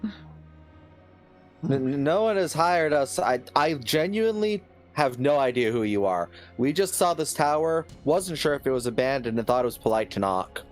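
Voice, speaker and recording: A man's voice: mid-range voice, lively intonation, moderate pace, soft background music. A man chatting casually as a player in a tabletop role-playing game.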